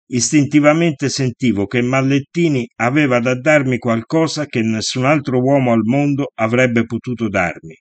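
A man reading a first-person novel aloud in a measured, unhurried way. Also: medium pitch, no room sound. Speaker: audiobook reader.

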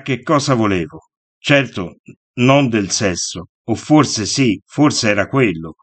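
Measured male audiobook reader. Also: mid-range voice, no echo. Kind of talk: scripted first-person novel narration.

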